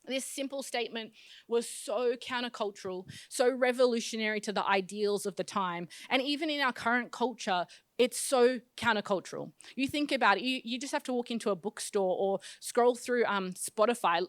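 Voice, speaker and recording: A woman's voice: fairly high pitch, moderate pace, no echo. A woman pastor giving a sermon in a conversational, self-deprecating way, often restarting her phrases.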